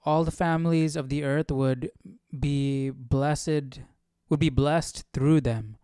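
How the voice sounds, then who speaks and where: A man hosts a live Bible study, casually reading aloud and questioning the text as he works it through, musing to himself. His voice is a little high yet dark and smooth, steady and unhurried, captured in a dry, studio-quality recording.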